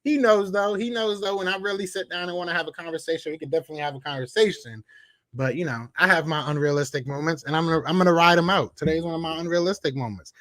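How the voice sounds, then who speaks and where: A man with a Philadelphia accent hosting a live sports podcast, reading out chat comments and trash-talking in a casual, animated way. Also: fairly high pitch, fast talker, no room sound. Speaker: podcast host.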